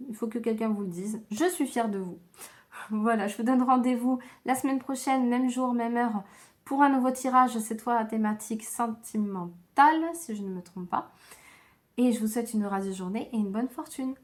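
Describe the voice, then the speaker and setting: A woman giving a slow, gentle tarot reading to viewers, tired and low on energy, with frequent hesitations. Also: steady tone. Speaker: tarot card reader.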